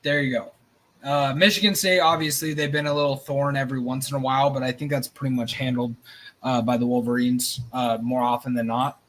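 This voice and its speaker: A man hosting a casual sports show, rambling and excitable, with some swearing and nervous energy. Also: mid-range voice, fairly quick. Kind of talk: casual live sports chat.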